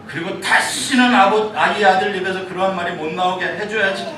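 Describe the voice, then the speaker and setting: A man preaching a sermon as a pastor, telling the story in an animated way and asking the congregation questions. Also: sits high, a little fast, heavy reverb, far from the mic, a little hiss or hum, rough recording. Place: church sanctuary.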